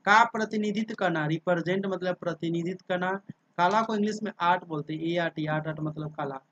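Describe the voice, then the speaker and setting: A man's voice: high-pitched, fairly quick, fairly bright tone, dry recording. A man teaching English vocabulary in a casual spoken lesson, spelling each word out letter by letter and often checking in with his listeners. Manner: drills words by spelling them out letter by letter. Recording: dull, dry lo-fi sound.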